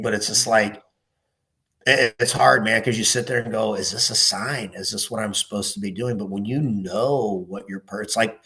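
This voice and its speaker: A middle-aged man with a somewhat low voice, talking as a guest on a podcast. He rambles through stories and asides, swears freely, and leans on fillers. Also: bright, forceful tone. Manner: profane, rambling storyteller with many fillers. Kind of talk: casual podcast chat.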